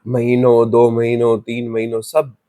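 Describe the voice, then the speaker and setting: A man's voice: mid-range voice, monotone, a little slow, mellow, no echo. A man telling a horror story in a loose, conversational way, with restarts, and acting out the story's voices in passing. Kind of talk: casual spoken horror story.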